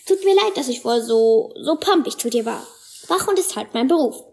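A high, bright-voiced young guard dog, as a woman puts him on, friendly and eager in a storybook. His voice sits well above the narration. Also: expressive, fairly quick, vocal fry.

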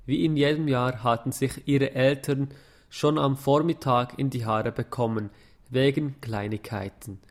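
A man narrating a Christmas-time story in a calm, even reading voice. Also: medium pitch, a little slow.

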